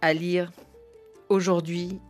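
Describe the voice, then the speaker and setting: A woman hosting a radio interview, asking questions in a measured, articulate way. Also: on the low side, flat delivery, soft background music. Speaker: radio host.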